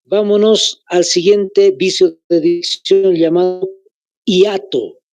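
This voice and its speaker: A man's voice: sits high, steady tone, a little mellow, dry recording. Bolivian man dictating a grammar lesson. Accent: Bolivian Spanish. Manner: repeats phrases slowly for note-taking. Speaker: teacher.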